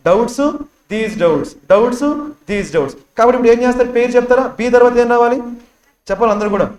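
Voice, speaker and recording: In an echoey classroom, a man with a Telugu accent prepares students for an English exam by explaining test questions. His pitch is extremely high, his tone a little mellow, his pace a little fast, and he keeps quizzing the class and repeating key words.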